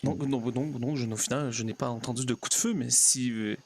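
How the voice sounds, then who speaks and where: A man talks in character as a gentle, somewhat naive pastor in a role-play game. He chatters to himself, cracks small jokes and soothes his horse. His voice sits at a middling pitch with a faint hiss behind it. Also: fairly even intonation, fairly quick.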